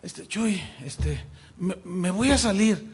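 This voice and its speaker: A flustered American man murmuring apologies, quiet and pleading, as a man quotes him. The voice stays soft and close, nearly a whisper. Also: high voice, takes it slowly, slight background noise. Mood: hushed. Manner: hushed, pleading.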